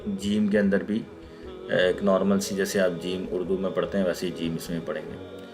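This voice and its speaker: Male recitation tutor, lowish voice, slow and patient, repeats each letter sound, faint music under. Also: level tone. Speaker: Quran recitation teacher. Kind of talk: recorded online lesson with screen pointer.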